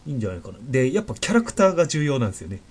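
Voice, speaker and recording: A man hosting a podcast, talking in a relaxed, chatty way with plenty of fillers. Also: medium pitch, rapid-fire. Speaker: podcast host. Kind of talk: casual chat.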